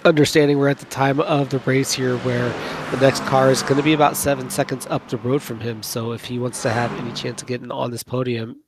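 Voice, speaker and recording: Excited male race commentator. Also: medium pitch, brisk, background noise. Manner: enthusiastic, repeats words when excited. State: sleepy late in a long broadcast. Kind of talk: live sim racing commentary.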